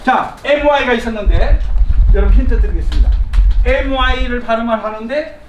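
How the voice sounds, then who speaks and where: High-pitched male teacher, coaxing and lively, drilling a live class; distant mic in a reverberant room. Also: brisk, dull audio. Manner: lively, coaxing, chuckles while explaining. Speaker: English teacher. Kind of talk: live classroom lecture with call-and-response drills. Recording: echoey room recorded from afar, faint ambient noise.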